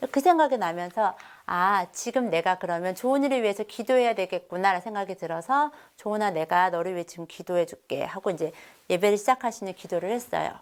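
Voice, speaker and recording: A middle-aged woman giving a family seminar lecture on raising children. She weaves in stories from her own home and acts out the lines she and her children said. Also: mid-range voice. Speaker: parenting seminar speaker.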